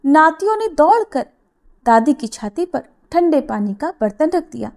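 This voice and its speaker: High-voiced woman telling a devotional tale. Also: a little slow, vocal fry. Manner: gentle, expressive storytelling with voiced quotes. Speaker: storyteller. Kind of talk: devotional story narration.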